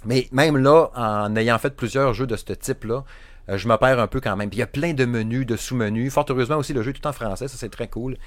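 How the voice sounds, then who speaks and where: A man's voice: medium pitch, quick pace, no echo. Chatty Quebec man, dry close sound. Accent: Quebec French, Saguenay. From Saguenay, Quebec. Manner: animated, rambling, stacks up fillers and restarts. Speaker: podcast co-host, game reviewer. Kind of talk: casual chat.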